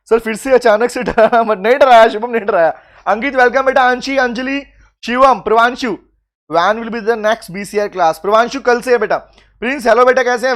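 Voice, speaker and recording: A man's voice: very high voice, a bit bright. A male law teacher runs a live online class over a computer mic. He greets his students one by one, then reads each practice question aloud and explains it in Hindi mixed with English.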